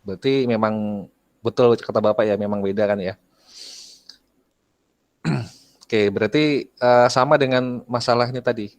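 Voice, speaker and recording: A man teaching an online class, talking casually, asking his students questions and often clearing his throat. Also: medium pitch, fairly even intonation, a little slow, pauses often, no echo.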